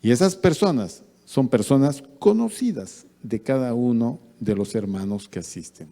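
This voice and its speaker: Peruvian pastor guy preaching, lively up and down voice, mellow tone, big echoey church. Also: mid-range voice, normal speed. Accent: Peruvian Spanish. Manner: animated preaching with acted-out anecdotes. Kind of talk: sermon. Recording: church hall with long reverb.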